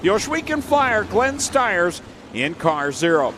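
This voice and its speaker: A race announcer gives motorsport play-by-play with a projected delivery, his high voice very animated though a little slow. The recording is from a noisy outdoor trackside, with race car engines and outdoor ambience behind him.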